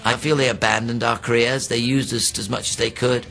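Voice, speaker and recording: A man's voice: mid-range voice, level tone, brisk, vocal fry, fairly bright tone, poor audio. A man in an interview, speaking bluntly and reflectively with some fillers. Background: music.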